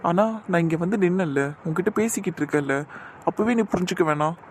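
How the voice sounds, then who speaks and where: A man's voice: high-pitched, quick pace, a little hiss or hum, lightly acted. A man playing a patient, soothing young man. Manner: soothing, reassuring, lightly scolding. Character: gentle, patient young man comforting a girl.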